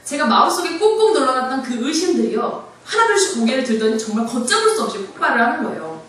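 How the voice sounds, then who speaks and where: A young woman tells her own faith story to a hall full of listeners, animated and expressive. Her pitch is fairly high and swings widely as she talks. She is heard from some distance in a hall with heavy, booming echo. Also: fast talker, a little hiss or hum. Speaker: speaker giving a faith testimony. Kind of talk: personal testimony talk. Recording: very echoey hall from far off.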